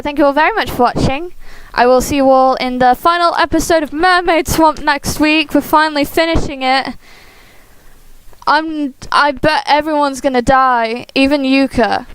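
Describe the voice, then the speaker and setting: A woman hosting a game playthrough, reading a visual novel aloud expressively with casual asides, animated and giggly. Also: high voice, slight background noise, low-quality recording. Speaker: host of a game playthrough series.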